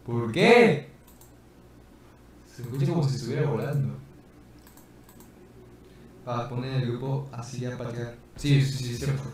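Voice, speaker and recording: A man's voice: measured pace, long pauses, slight background noise. A man streaming a game in casual, playful chat, his voice wrapped in a heavy canyon-like echo. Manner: playful, chatty, thanks viewers by name. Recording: booming echo, voice set back from the mic, faint music.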